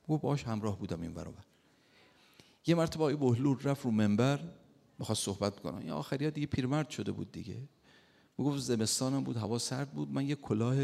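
Gravelly low-voiced man preaching in a reverberant hall. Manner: retells a story, acting out quoted lines with sudden loud bursts. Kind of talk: sermon storytelling.

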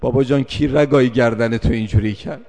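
A man's voice: mid-range voice, fairly even intonation, creaky, warm tone, close to an everyday voice. A man voicing a tearful little orphan girl. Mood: tearful pleading. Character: little grieving orphan girl, three or four. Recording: long hall reverb.

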